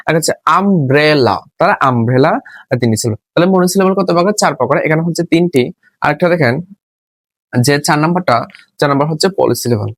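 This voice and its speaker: A man's voice: a little high, no room sound. A male teacher giving a spoken lesson. He repeats each rule, asks questions and answers them himself, and spells words out letter by letter. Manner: repetitive, asks and answers his own questions. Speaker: English teacher.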